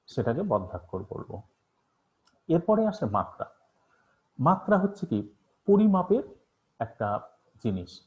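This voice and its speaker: A man with a voice on the high side and big pitch swings teaches an online class a little slowly, leaving long pauses, his tone a little mellow. He asks questions and supplies the answers himself, with frequent fillers. The audio is tinny and phone-like.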